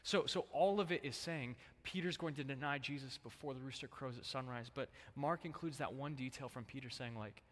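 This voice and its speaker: A man preaching a sermon to a congregation. He talks in a relaxed, chatty way and jumps into animated voices when he quotes people. His voice rings out with a long hall reverb. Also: medium pitch, a little fast, hardly any pauses. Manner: casual, conversational preaching with lively acted-out quotes. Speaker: pastor.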